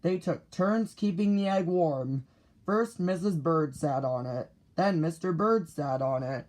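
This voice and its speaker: A man reading a children's picture book aloud, deliberate and expressive. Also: on the high side. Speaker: storybook reader.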